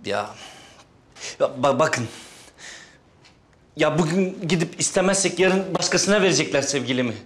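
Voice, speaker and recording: A man's voice: fairly high pitch, expressive, moderate pace, long pauses, natural voice. A man in his thirties playing a lovestruck, defiant, streetwise son with slangy, emphatic speech in a TV drama. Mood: pleading. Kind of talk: television drama acting.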